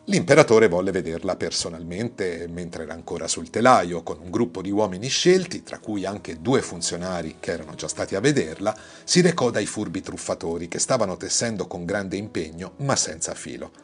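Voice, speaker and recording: A man narrating a fairy tale in a scripted, expressive reading, raising his voice for the characters' lines. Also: sits low, normal speed, hardly any pauses. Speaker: storyteller. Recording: faint music behind the voice.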